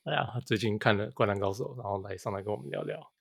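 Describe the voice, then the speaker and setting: A man co-hosting a casual chat, hesitant and halting, dropping in English words. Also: on the low side, creaky, husky. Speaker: podcast co-host.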